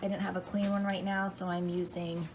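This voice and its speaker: A woman giving a casual cooking demonstration in her home kitchen, explaining each step in an unhurried way with plenty of fillers. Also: on the low side, level tone, background noise. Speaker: home cook demonstrating a recipe.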